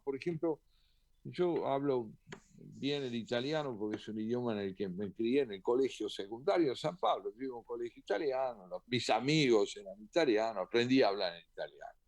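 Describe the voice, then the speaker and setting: Reflecting on interview questions, a poet and translator from Argentina speaks in a considered, measured way, with occasional pauses and hesitant fillers. His voice is mid-pitched and darkish, dry and close-miked, with no room sound.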